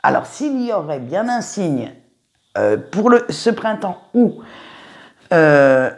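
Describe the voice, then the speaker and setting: A woman with a slightly low voice reads tarot cards for her viewers in a casual, conversational way. She talks to them directly and often hesitates, filling pauses and restarting her sentences. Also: sing-song. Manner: hesitant, many fillers and restarts; chatty, addresses viewers directly. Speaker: tarot reader. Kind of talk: casual tarot reading to camera.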